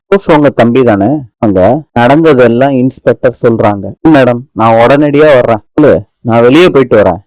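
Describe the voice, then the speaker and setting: A man reading out the dialogue of a TV serial in an even, plain delivery. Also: mid-range voice, dry recording, poor audio. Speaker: reader of serial scenes. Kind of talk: reading drama dialogue aloud. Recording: dry close recording.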